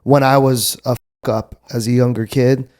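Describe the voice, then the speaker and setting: A man of middle pitch hosts the podcast in a relaxed, easygoing way. His talk is slangy and casual, and he swears now and then. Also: normal speed. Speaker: podcast host. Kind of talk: casual chat.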